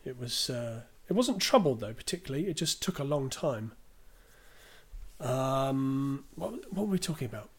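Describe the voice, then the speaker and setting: A man's voice: mid-range voice, very animated, moderate pace, husky. A man co-hosting a podcast, chatting casually about a film, retelling its scenes and reading out listener questions. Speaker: podcast co-host.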